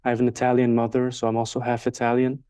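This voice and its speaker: Fast and completely flat in delivery, this Swiss man's mid-range voice still sounds warm and clean. He is a twentysomething market researcher and native Swiss German speaker, giving thoughtful, filler-heavy answers as a casual interview guest.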